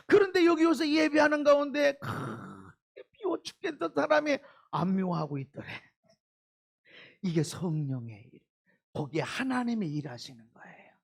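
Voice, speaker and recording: A man's voice: very high-pitched, creaky. A man preaching a sermon as a pastor, emphatic, throwing out rhetorical questions and calls of amen. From South Korea. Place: church sanctuary.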